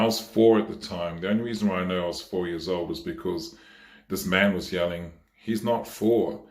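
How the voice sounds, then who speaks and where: A man giving a eulogy for his mother at a memorial service, talking slowly and haltingly with many pauses and fillers. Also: deep voice, roomy sound.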